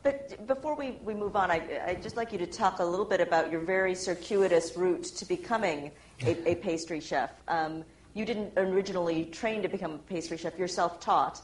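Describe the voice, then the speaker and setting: A woman's voice: on the low side, normal speed. A woman moderating a panel, asking polite questions with small restarts. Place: conference hall. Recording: echoey hall, faint noise.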